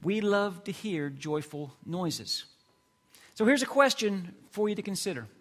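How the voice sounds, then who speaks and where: A middle-aged male pastor delivers a sermon, chatty and playful, often asking the congregation questions. His voice sits high. It swings widely and animatedly in pitch. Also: very animated, measured pace, fairly bright tone. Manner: conversational, playful preaching with rhetorical questions.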